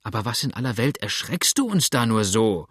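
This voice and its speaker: A man voicing an anxious old wife who calls out in a shrill, reproachful tone. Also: sing-song, moderate pace, a bit bright, husky, dry recording, clean studio sound, heavily acted. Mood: alarmed. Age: older.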